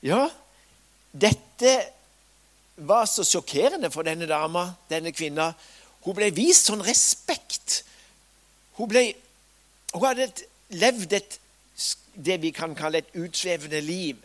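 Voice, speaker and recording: A man preaching a sermon, retelling stories dramatically, swinging from loud cries to soft asides. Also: on the high side.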